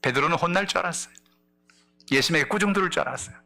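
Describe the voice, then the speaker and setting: With energy to spare, a man preaching a sermon narrates a story and performs the characters' dialogue, moving from loud outbursts to hushed asides. His voice is fairly high and gravelly, and he races along.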